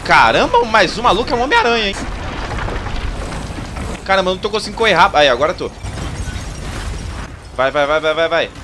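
A man's voice: high voice, sing-song, brisk, long pauses, noisy background. A Brazilian-accented man giving casual commentary as he plays a video game. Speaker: gaming video host. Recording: voice over clear game music.

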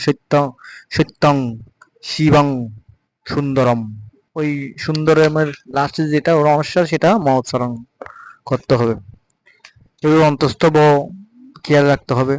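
A man with a Bengali accent giving a patient spoken pronunciation lesson, repeating example words slowly. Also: fairly high pitch, poor audio. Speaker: Sanskrit recitation teacher.

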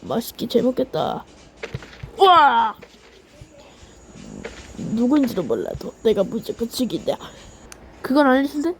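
A woman playing a game on camera, yelling and cursing while acting out lines for the characters in her match. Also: on the high side, very animated, measured pace, long pauses, slight background noise. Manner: shouty, swears, switches between playful role-play and yelling. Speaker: gaming YouTuber. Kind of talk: excited gameplay commentary with role-play voices.

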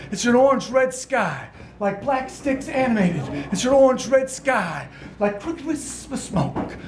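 An older man, a performance poet, chanting and leading a crowd in call-and-response in a gallery room, recorded by a far camera. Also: very high voice. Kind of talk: interactive spoken-word performance. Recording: echoey room, crowd noise.

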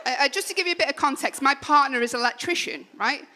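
A young woman with a Mancunian accent performing a live stand-up comedy set on a club stage, chatty and full of quick asides, with the audience laughing. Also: sits high, background noise. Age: young adult. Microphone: stage microphone.

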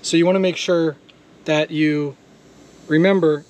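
A man's voice: on the high side, steady tone, unhurried, darkish tone. A man walking through a jet ski repair step by step in a casual, practical way, filming it himself outdoors. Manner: casual, step-by-step, swears when frustrated. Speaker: DIY mechanic host. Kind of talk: hands-on repair tutorial.

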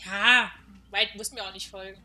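A woman chatting casually on a livestream with friends and viewers, playful and expressive. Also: medium pitch, moderate pace, music in the background. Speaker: livestream host, VTuber streamer. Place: indoors, streaming setup at a computer.

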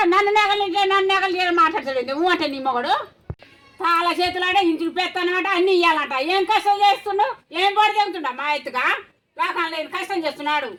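A woman's voice: very high voice, bright, forceful tone. A woman acting a scolding, nagging villager in a village comedy sketch. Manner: scolding, rapid-fire nagging. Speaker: comic actress playing a mother-in-law and villagers.

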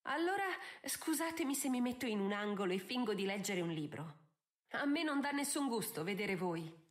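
A woman's voice: mid-range voice, expressive, moderate pace, close to an everyday voice. A woman voicing a proud young woman held in a cell, answering back firmly and defiantly, in an audiobook reading. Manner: firm, defiant retorts.

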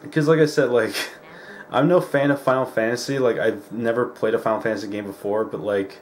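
A man's voice: mid-range voice, steady tone, a little fast. A man hosting a let's play, talking casually over gameplay with lots of filler words. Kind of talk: casual game commentary. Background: game music.

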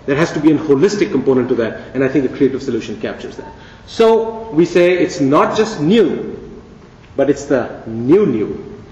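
Very animated and a little mellow, a man's mid-range voice carries his keynote lecture at normal speed through a large conference hall. He keeps it conversational and playful with rhetorical questions, though the distant recording comes out dull and echoey.

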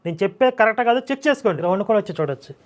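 A man preaching a sermon, speaking emphatically, repeating phrases and reading scripture slowly. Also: sits high, lively intonation.

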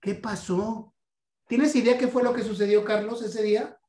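A man's voice: sits high, fairly even intonation, a little mellow. A Mexican man giving a history lecture about coins, stumbling over repeated words and fillers. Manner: halting, many repeats and "este" fillers. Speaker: guest numismatics lecturer. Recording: roomy echo.

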